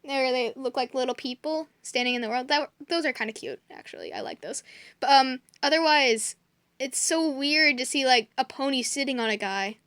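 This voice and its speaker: Chatty high-voiced young woman. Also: expressive, moderate pace, a bit bright, dry recording. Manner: chatty, filler-heavy, stumbles over words. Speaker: co-host. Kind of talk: casual chat reading a list.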